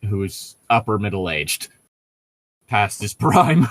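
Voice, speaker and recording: In a lowish, sing-song voice that's a bit bright, a man speaks slowly on a clean recording with no echo. He's a podcast co-host commenting on a book, keeping things casual and comedic with tangents and self-corrections.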